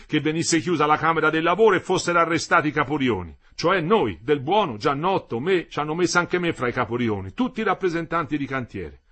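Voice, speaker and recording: A man reading as a grim young worker, husky and urgent. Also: lowish voice. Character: young male Florentine bricklayer, worried and grim.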